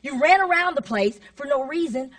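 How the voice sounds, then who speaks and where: A woman teacher speaks from a stage in a high voice, throwing questions at the audience and waiting for them to answer. Her delivery is playful and theatrical. The sound is a little distant, as if the mic sits some way from her. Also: expressive, moderate pace, a bit bright. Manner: call-and-response questions to the audience. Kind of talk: motivational stage talk. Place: stage at a live talk event.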